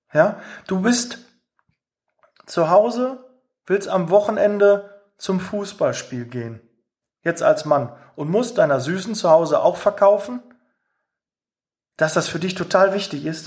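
Man, high-pitched, emphatic sales coaching talk, direct. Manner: direct, emphatic, acts out quoted dialogue.

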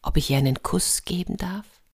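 A woman's voice: lowish voice, normal speed, a little mellow, husky. A woman voicing a desperate young male soldier in a told fairy tale, pleading and plaintive. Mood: wondering.

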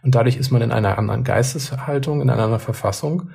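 A man co-hosting a podcast and chatting casually and reflectively. His voice is gravelly and a little husky, with a dark, mellow tone. He often restarts and repeats words as he works through a thought. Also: mid-range voice, rapid-fire. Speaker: podcast co-host.

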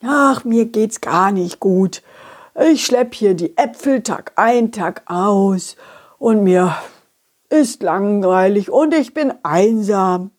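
Woman as a lonely male donkey, husky, lively in pitch, drawn-out sighs. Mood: glum. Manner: sighing and hesitant. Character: lonely, plodding male donkey hauling apples.

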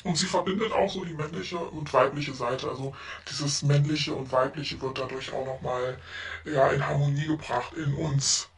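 Woman's voice disguised deeper by a voice changer. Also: steady tone, moderate pace, far from the mic. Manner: chatty, gushing, frequent "ne?" tags. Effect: voice changer lowering her voice to sound deeper and disguised. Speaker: seller of spiritual crafts. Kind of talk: voice message.

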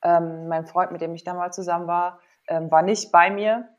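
The recording has its highs cut off, and the woman's voice is fairly low and steady at normal speed. In her thirties, a former athlete and sports psychologist, she's an interview guest casually and candidly telling personal stories while thinking aloud.

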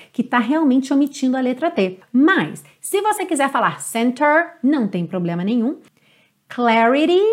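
A woman from Brazil teaching an online English lesson, upbeat and clear, slowing down to model words. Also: a little high.

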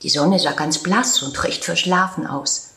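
A woman tells a storybook tale in a calm, tender reading voice that sits a little low. Now and then she drops to a soft whisper. The room gives her a roomy echo. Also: unhurried. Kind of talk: storybook narration.

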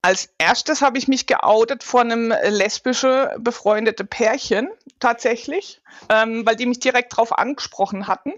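A woman in her forties appears as a guest in a casual podcast interview. Her voice sits a little high, and she answers briefly in a matter-of-fact way. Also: measured pace, highs cut off. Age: 40s.

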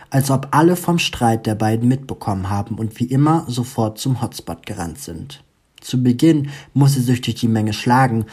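A man narrating a story with an expressive reading. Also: mid-range voice, breathy edge.

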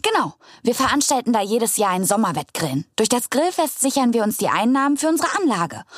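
A friendly, earnest young woman gardener who explains openly, voiced by a woman. Her voice sits high and moves in lively pitch. The recording is dry and close. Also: fairly quick, husky, dry recording. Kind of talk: comedic character sketch.

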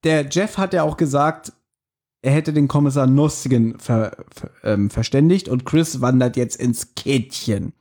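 A man's voice: medium pitch, measured pace. A man co-hosting a podcast, chatting casually and animatedly about a radio play, often laughing and acting out scenes. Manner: animated, laughing, quoting scenes in put-on voices. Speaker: podcast co-host.

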